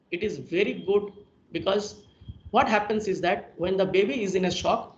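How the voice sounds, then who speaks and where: A man giving a technical presentation on a video call, explaining each point step by step and summing up, heard through a screen recording. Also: sits high. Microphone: computer mic on a video call. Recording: echoey, dull video-call audio with faint hiss.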